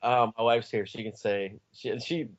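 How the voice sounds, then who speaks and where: A man co-hosting a sports podcast, excitable and emphatic about his picks. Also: mid-range voice, unhurried. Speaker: podcast co-host. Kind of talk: casual sports chat. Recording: dull lo-fi podcast audio.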